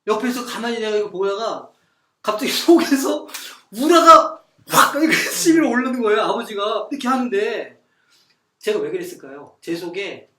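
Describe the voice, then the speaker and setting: A man's voice: high voice, normal speed, far from the mic. A middle-aged man teaches a church Bible class, telling his stories with animation and slipping into the voices of the people in them. He sounds set back from the microphone in a reverberant room, with a faint hiss of noise underneath. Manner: animated storytelling, acting out quoted speech. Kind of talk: church Bible study lecture.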